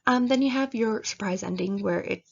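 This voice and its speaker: A woman's voice: mid-range voice, normal speed, vocal fry, darkish tone. A woman giving casual writing advice in a chatty way, with lots of fillers, and acting out how readers react. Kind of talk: casual instructional talk. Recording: dull lo-fi recording.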